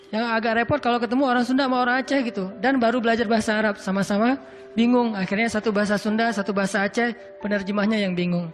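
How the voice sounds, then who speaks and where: A man preaching in a relaxed, conversational sermon style, drawing out quoted Arabic verses slowly. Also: sits high. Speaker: Islamic preacher. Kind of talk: casual sermon. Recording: hall reverb with faint music.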